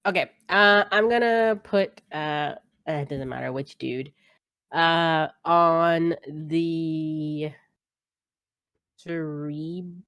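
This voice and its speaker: Low-voiced woman asking game questions. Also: drawn-out words, a bit bright, clean tone, dry recording, studio quality. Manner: laughs easily, asks questions. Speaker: co-host player. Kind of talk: casual board game chat.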